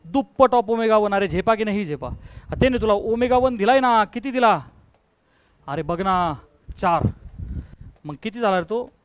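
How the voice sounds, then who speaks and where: High-voiced physics teacher. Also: male voice, expressive, clean tone, dry recording. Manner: coaxing, quizzing students with rapid questions. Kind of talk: classroom lecture.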